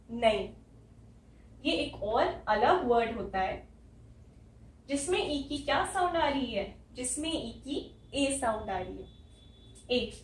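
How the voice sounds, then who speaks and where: A woman English teacher giving a classroom lesson, speaking slowly, repeating words and asking the class questions. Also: high-pitched, echoey room, far from the mic, low-quality recording.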